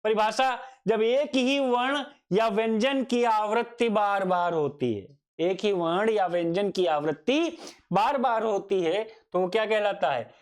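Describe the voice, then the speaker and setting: A man giving a grammar lecture at an unhurried, deliberate pace, his voice sitting high for a man. He poses questions to himself and answers them, then repeats each definition so it sinks in. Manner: addresses students fondly as child. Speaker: teacher.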